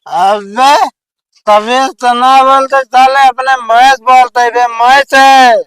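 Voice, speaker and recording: A man's voice: very high-pitched, fairly even intonation, slow pace, fairly bright tone, exaggerated voice. A man with an Awadhi accent playing a boastful, quarrelsome village drunk in a comedy sketch, slurring and rambling. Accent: Awadhi, eastern Uttar Pradesh.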